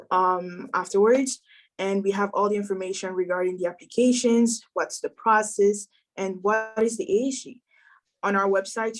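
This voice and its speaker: A young woman from the Democratic Republic of Congo, a student government president, giving an earnest welcome speech and introducing a panel. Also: medium pitch. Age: young adult. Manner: earnest, welcoming, steady delivery with some fillers.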